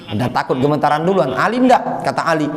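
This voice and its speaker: Higher-voiced man preaching in an echoey mosque. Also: big pitch swings, fast, soft background music. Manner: conversational, asks the audience rhetorical questions. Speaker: Islamic preacher. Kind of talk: mosque lesson sermon. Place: mosque hall. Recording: echoey mosque hall with faint noise.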